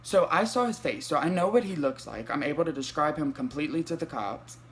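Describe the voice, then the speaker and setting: A young man, telling a storytime vlog in an animated, profane way full of fillers. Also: on the high side, fairly quick, a little hiss or hum. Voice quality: light voice. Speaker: vlogger.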